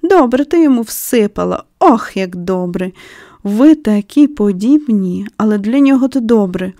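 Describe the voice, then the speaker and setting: Woman voicing a young nurse, offhand, mocking, mellow, dry. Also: mid-range voice, animated, moderate pace, no room sound, close to an everyday voice. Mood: amused. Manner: mocking, dismissive.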